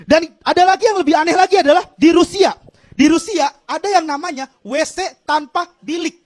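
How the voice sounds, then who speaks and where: Male stand-up comedian, very high voice, Jakarta accent, escalating rant, exclamatory, acts out dialogue. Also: brisk, a little mellow. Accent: Jakarta Indonesian.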